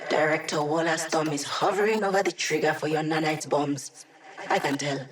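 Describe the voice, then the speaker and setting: A woman's voice: low-pitched, normal speed, close to an everyday voice. Woman playing a cheeky young female hacker. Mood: breezy, teasing. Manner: playful, breezy, teasing, tech-savvy banter. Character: quick, cheeky young female hacker, digital helper to a villain squad. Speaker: video game character giving mission support. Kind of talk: scripted video game voice lines.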